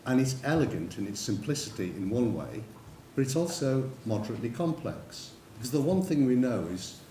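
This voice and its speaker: A man's voice: mid-range voice, very animated, a little fast, dark tone. A man with an English accent giving a conference talk, telling anecdotes and speaking directly to the audience. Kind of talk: presentation to an audience. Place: lecture room. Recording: echoey lecture room, faint noise.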